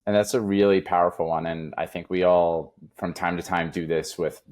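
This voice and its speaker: A low-voiced man hosts a podcast in a thoughtful, earnest style. He shares his examples with soft chuckles. The recording is dry and close to the mic. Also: level tone, moderate pace, dry recording. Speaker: podcast host. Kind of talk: conversational interview.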